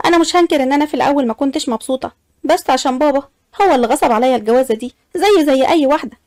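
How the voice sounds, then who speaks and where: A woman's voice: high-pitched, racing, darkish tone, no echo, clean studio sound, lightly acted. A woman playing a coaxing young Egyptian wife. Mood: pleading. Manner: pleading, coaxing. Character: young wife, pleading then playful.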